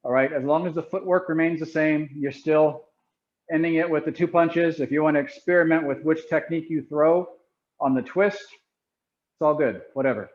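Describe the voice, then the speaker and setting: A man's voice: on the high side, fairly even intonation, brisk, dull audio. A man working as a karate instructor, explaining a drill to the class in informal, colloquial language.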